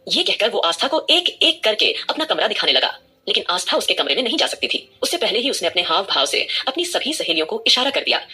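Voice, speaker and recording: A woman's voice: medium pitch, pushed and bright, breathy edge. A woman narrating a scripted audio drama with dramatic storytelling.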